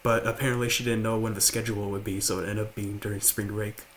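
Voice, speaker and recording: A young man in his late teens with a slight lisp, talking quietly and haltingly to the camera at home. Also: on the low side, little pitch movement, slight background noise. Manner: halting, with many fillers and restarts. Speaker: vlogger. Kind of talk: confessional talk to camera. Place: large house, indoors.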